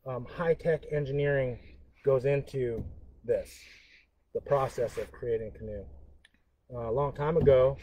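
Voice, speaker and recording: In this live-streamed educational talk, a Northern California man working as a cultural educator speaks earnestly yet haltingly, with plenty of pauses and restarts. His voice is medium in pitch and a little mellow, and the recording quality is low.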